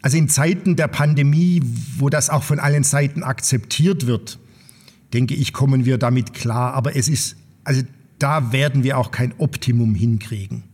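A man's voice: medium pitch, normal speed, darkish tone. Businessman talking with reverb behind him. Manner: thoughtful, many fillers and restarts. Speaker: managing partner of an engineering firm, guest. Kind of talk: podcast interview.

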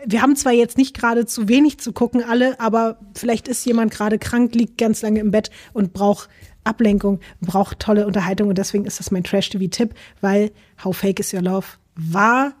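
A woman's voice: medium pitch, steady tone, normal speed, darkish tone. A woman co-hosting a casual podcast chat, talking loosely and hedging as she recommends shows. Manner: chatty, hedging, gives recommendations. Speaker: podcast co-host. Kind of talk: casual chat about reality TV.

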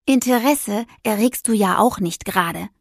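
A woman's voice: mid-range voice, measured pace, gravelly, no echo, clean studio sound. A woman doing a hissing, cheeky tomcat. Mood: grumbling. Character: cheeky talking male tomcat, sceptical.

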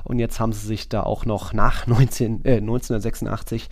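A man's voice: on the low side, level tone, brisk, a little mellow. A man hosting a casual football podcast over a video call, chatty and teasing, telling stories with animation. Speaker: podcast host.

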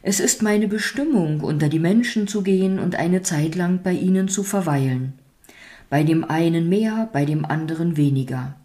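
A woman reading a storybook aloud, voicing the weary, mistrustful spirit of sadness in a quiet, hesitant, brittle way. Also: on the low side, normal speed, close to an everyday voice.

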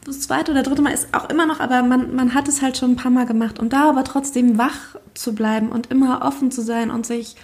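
A woman's voice: high-pitched, fairly even intonation, a little fast, few pauses, darkish tone. A woman guest on a podcast, talking reflectively and searching for her words. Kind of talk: casual conversational interview.

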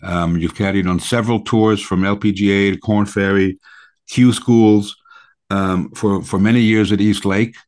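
A man with a fairly low voice hosts a conversational radio talk show. His phrasing is halting and deliberate, with hesitant pauses as he works toward each point. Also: fairly even intonation, a little mellow.

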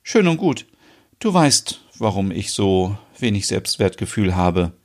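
A man's voice: fairly low pitch, very animated, a little slow. A man voicing a self-conscious, prim woman worried about her style in an audio soap. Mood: insecure. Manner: prim, insecure.

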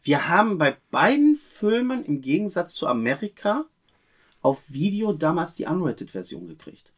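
A man's voice: fairly high pitch, very animated, moderate pace. A middle-aged man co-hosting a podcast, earnestly recalling films and explaining details in casual chat. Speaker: podcast co-host.

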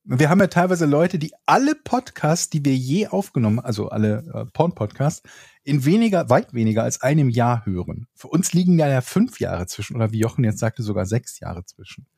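A man's voice: mid-range voice, sing-song, a little fast, gravelly, a little mellow, breathy edge, no echo, studio quality. A man co-hosting a casual podcast, who teases his friends and argues in long, wordy sentences. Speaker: podcast co-host. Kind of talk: casual chat.

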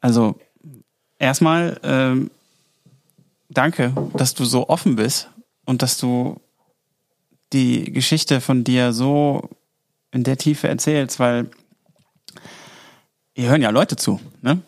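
Slow-spoken male podcast host. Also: mid-range voice, steady tone, gravelly. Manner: warm, appreciative, hesitant with fillers. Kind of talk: interview conversation.

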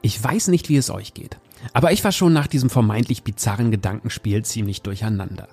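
A man hosting a book podcast, calmly introducing a story and reading from it. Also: lowish voice, brisk, breathy edge, soft background music. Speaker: podcast host reviewing books.

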